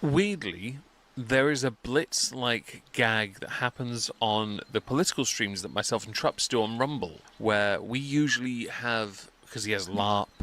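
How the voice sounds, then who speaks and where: A man's voice: lowish voice, sharp tone. A man giving wry, wordy commentary as a political livestreamer.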